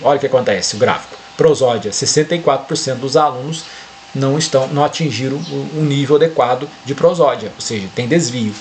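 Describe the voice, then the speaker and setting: A fairly high-voiced man with a Brazilian Portuguese accent talks through a spreadsheet tutorial on a computer mic. He checks in often with short questions, and a faint hum sits behind his voice. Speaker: educator explaining a spreadsheet tool. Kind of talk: screen-share tutorial.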